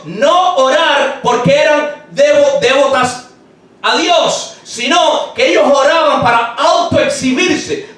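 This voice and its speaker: Man preaching in a church hall; strikingly high voice, booming room echo, mic set back. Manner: preaching with shouted emphasis on scripture. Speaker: pastor. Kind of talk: sermon. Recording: roomy echo from far off.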